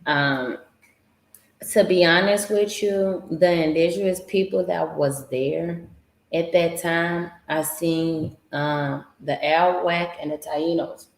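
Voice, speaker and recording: Slow, halting woman with a gravelly voice. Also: fairly low pitch, steady tone. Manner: slow, halting, with many fillers and restarts. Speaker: livestream host. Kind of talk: casual livestream talk about history. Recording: echoey room with faint guitar music.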